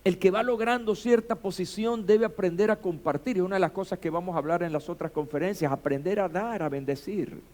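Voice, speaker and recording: A man preaching a sermon as pastor, building to shouted emphasis and rhetorical questions. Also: high voice, fairly quick, hardly any pauses.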